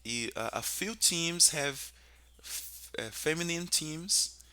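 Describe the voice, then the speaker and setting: A man's voice: a little high, animated, slow pace, sharp tone, no echo. A Portuguese-speaking man from Brazil practicing English conversation, often repeating words while he searches for them. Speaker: English student.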